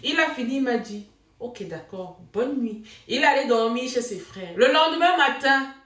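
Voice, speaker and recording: A young woman telling her own story in casual talk, dramatic and animated, with sudden exclamations. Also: on the high side, normal speed, distant mic. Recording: echoey room, a bit off mic.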